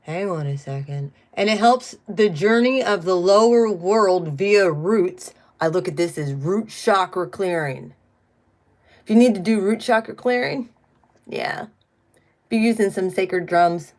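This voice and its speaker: A woman's voice: on the low side, expressive, measured pace, darkish tone. A middle-aged woman doing a casual spiritual card reading, chatty and blunt, who swears freely when she gets riled. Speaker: tarot card reader.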